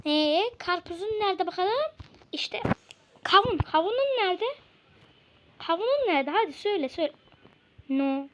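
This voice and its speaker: Very high-pitched excitable young girl. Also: slight background noise, low-quality recording. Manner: excitable, repeats words in bursts, yelps when startled. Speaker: gamer playing with a friend. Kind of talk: casual game-play chat.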